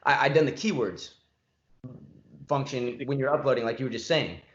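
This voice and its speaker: A man's voice: medium pitch, lively intonation, normal speed. Male host, curious and agreeable, recorded in an echoey room. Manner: curious, asks questions, agreeable. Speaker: musician podcast host. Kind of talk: casual interview chat. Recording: roomy, dull lo-fi audio.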